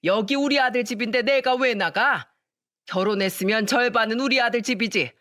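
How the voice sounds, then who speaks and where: A woman's voice: a little high, moderate pace, fairly bright tone, dry recording, studio quality, pitched above the performer's own voice, natural voice. A woman voicing a bossy, nagging older mother-in-law in a dramatized story reading, scolding and demanding. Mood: outraged.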